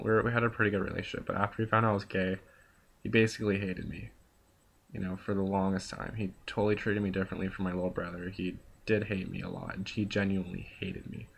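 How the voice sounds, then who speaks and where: A young man speaks straight to his viewers in an unscripted confessional vlog. His voice sits a little low and has a gravelly, fry-laden edge. He rambles through his thoughts with constant fillers, earnest and at times bluntly profane. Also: a bit bright. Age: young adult. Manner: rambling, full of "like" and "you know". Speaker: vlogger. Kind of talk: casual confessional monologue.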